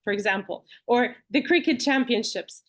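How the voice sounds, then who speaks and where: A woman from Bulgaria, a guest in an interview, talking in an animated, chatty way with fillers and restarts over a video call. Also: a little high, moderate pace. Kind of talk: conversational interview.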